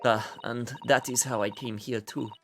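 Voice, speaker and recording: A man's voice: mid-range voice, fairly even intonation, normal speed, vocal fry, music in the background, close to an everyday voice. A man voicing a pleading, dramatic young ballerina from a video game. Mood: proud. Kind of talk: video game voice-over read aloud.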